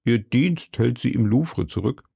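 A man's voice: mid-range voice, lively intonation, a little slow, gravelly, dark tone, breathy edge, dry recording, studio quality, exaggerated voice. A man reading an audiobook who voices a timid, fretful middle-aged shopkeeper with a nervous, fawning manner. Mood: anxious. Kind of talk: audiobook character voice.

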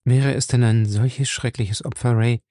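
A man's voice: mid-range voice, fairly even intonation, unhurried, mellow, no echo, clean studio sound, lightly acted. A man voicing a weary young woman who pleads apathetically with her brother. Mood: pleading.

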